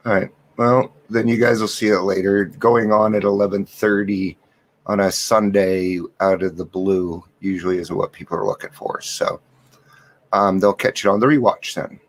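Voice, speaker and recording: Unwell and worn out, a man hosts a livestream reflecting on his recovery, speaking softly at a fairly low pitch. His casual chat is rambling, candid and self-deprecating, full of restarts, picked up by a computer mic with the gain turned up.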